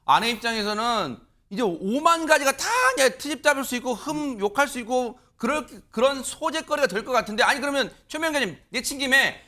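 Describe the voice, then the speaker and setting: A man hosting a studio talk show, reacting with lively exclamations and prompting his panel. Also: very high-pitched, a little fast, hardly any pauses. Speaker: news talk show host.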